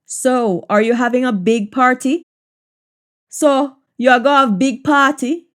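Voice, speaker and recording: Slow-paced Jamaican woman teaching Patois, higher voice. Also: fairly bright tone. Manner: deliberate, repeats each phrase in Jamaican Patois. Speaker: language teacher. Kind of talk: Jamaican Patois lesson, practice sentences said in English then repeated in Patois.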